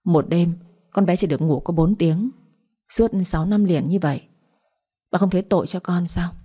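A woman's voice: fairly low pitch, normal speed, warm tone, husky. A woman voicing a middle-aged father who pleads and reproaches his wife. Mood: pleading. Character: aggrieved middle-aged father, patient then angry.

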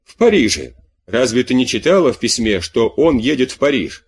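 Frantic guilt-ridden old farmer read by a man, husky and agitated. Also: mid-range voice, very animated, normal speed.

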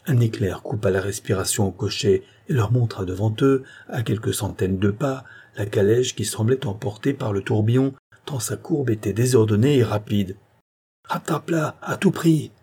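A man narrating a classic novel in a measured, literary reading style. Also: on the low side, mellow, breathy edge. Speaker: audiobook narrator. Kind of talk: scripted narration.

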